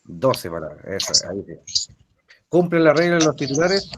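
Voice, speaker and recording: A man's voice: fairly high pitch, big pitch swings, normal speed, a little hiss or hum. A man with a Chilean Spanish accent, teaching an online language class, explaining patiently and quizzing a student. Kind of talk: recorded language lesson.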